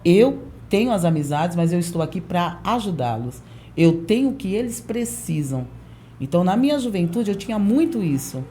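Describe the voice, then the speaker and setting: A woman pastor in her forties, a podcast guest telling a lively testimony and acting out the voices of people in it. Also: fairly low pitch, normal speed, slight background noise. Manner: lively storyteller who acts out quoted voices. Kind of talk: storytelling testimony in a podcast interview.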